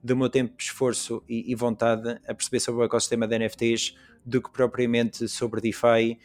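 A man's voice: mid-range voice, monotone, normal speed, faint music behind. A young Portuguese man with a European Portuguese accent, a podcast guest talking casually with many fillers and restarts. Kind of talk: casual conversation.

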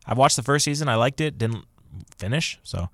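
A man's voice: medium pitch, animated, brisk, dry recording, clean studio sound. A man co-hosting a casual movie podcast, reading out film news in an upbeat way. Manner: upbeat, reads news items off a list. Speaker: podcast co-host.

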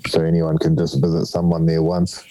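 A man's voice: a bass voice, monotone, a little fast, warm tone, no echo. A man chatting casually. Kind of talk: casual chat.

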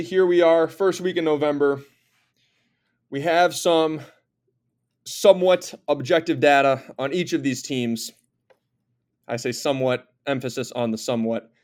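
A man's voice: fairly high pitch, steady tone, a little slow, pauses often, a little mellow. A man hosting a sports podcast in casual talk, chatty and hesitant with frequent fillers. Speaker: podcast host.

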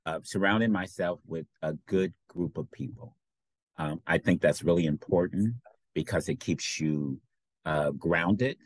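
A man speaking as a talk-show guest, reflective and unhurried, pausing often with "um". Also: low voice, no room sound, poor audio. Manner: reflective, unhurried, many "um" pauses. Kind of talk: casual talk-show chat.

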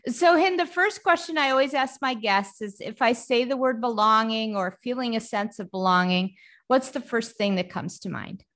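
A woman hosting an interview, friendly and encouraging, with quick affirmations. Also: on the high side, a bit bright. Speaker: host. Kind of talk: interview conversation.

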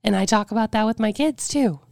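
A woman guest on a podcast tells candid stories about her life in an earnest, reflective way, with many "like" fillers. Her voice is weakened and can't get loud, sometimes dropping to a whisper; it's medium-pitched, creaky, and brisk. The recording is dry and studio quality.

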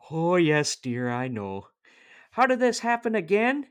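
Guy doing a nervous doting husband joseph, higher, sing-songy. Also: sing-song, slow, smooth, heavily acted. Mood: soothing. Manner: soothing, flustered. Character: fussy apologetic husband Joseph.

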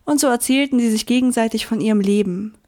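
Gentle woman reading a bedtime story. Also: fairly high pitch, quick pace.

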